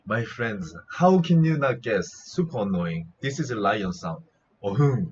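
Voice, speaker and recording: A man's voice: fairly low pitch, big pitch swings, a little slow, darkish tone. A young man with a Korean accent hosting a live animal sound guessing game, teasing his viewers, laughing a lot and imitating animal calls. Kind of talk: playful live chat with viewers. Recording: slightly dull lo-fi stream audio with faint noise.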